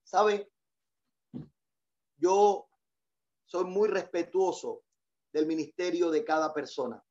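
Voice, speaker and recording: A man's voice: sits high, slow, darkish tone, dull audio. A male pastor preaching a sermon, leading call-and-response and repeating key phrases for emphasis.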